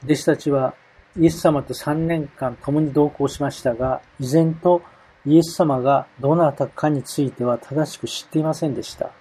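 Man, sermon, husky voice, mellow tone, measured reading of scripture. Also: on the high side, fairly even intonation, poor audio. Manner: measured, reads verses aloud with emphasis. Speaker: preacher.

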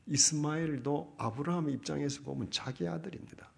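A man's voice: a little high, brisk, gravelly, darkish tone. A man preaching a sermon, reading scripture aloud and putting rhetorical questions to the congregation. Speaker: pastor.

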